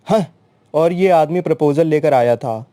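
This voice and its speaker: A man voicing a gruff, proud older landowner who is the girl's father. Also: on the high side, measured pace, mellow, no echo, close to an everyday voice. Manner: gruff, dismissive.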